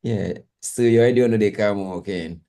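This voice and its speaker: A man's voice: fairly low pitch, fairly quick, dark tone. A man with a Ghanaian accent chatting casually in a Rastafari manner, switching between English and Twi. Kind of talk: casual chat.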